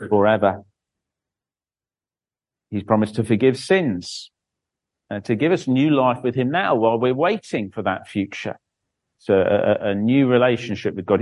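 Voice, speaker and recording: A man's voice: medium pitch, a little mellow. A man reading scripture and preaching a sermon, with frequent "uh" fillers and stumbles over names.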